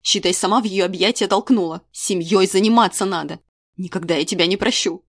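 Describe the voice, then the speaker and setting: A woman playing a furious shouting mother. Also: mid-range voice, animated, moderate pace, no echo, natural voice. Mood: bitter accusing. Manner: shouting, accusing, crude. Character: furious middle-aged woman, betrayed friend and mother.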